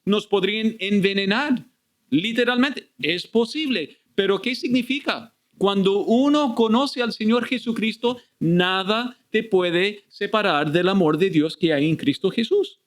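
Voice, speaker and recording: A male preacher delivers an expository sermon to his church. His voice sits high. He keeps turning to the congregation with rhetorical questions. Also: expressive, measured pace.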